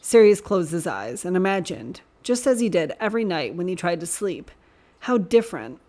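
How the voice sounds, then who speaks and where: A woman reading a romance story aloud as narrator, measured and even in manner. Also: on the low side. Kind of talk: audiobook reading of fan fiction.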